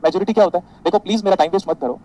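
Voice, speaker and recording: A man's voice: high-pitched, rapid-fire, mellow, low-quality recording. A man teaching an engineering class online, mixing Hindi and English, with a sarcastic, exaggeratedly polite manner.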